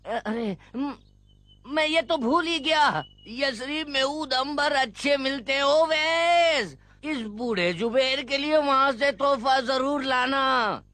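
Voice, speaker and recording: A fussy old man who frets and rambles through his worries. His voice sits high and bright, and he talks at an unhurried pace. It sounds like a clean studio film dub. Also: no echo, full character voice. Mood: fussing. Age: older. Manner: fussy, rambling, repeats himself. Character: frail old man, a fussy, doting donkey owner. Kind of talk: Urdu film dubbing. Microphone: studio dubbing mic.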